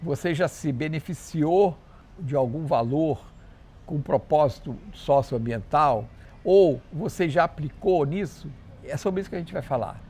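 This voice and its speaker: A man's voice: a little high, unhurried, darkish tone, husky. A man hosting an interview in a friendly, chatty way, often restarting his sentences. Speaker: interviewer, show host. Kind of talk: casual interview.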